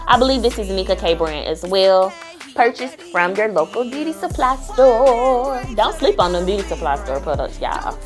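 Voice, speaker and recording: Talking directly to her audience with big swings in pitch, a woman walks through a casual makeup tutorial at a normal speed. Her mid-range voice is sassy and playful, with music playing behind it.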